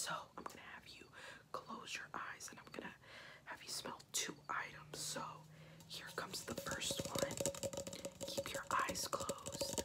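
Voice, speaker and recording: A young adult woman whispers a brisk ASMR whispered role-play as an examiner, giving short instructions in a fast, aggressive ASMR manner. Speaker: ASMR performer playing a medical examiner. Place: small bedroom, indoors.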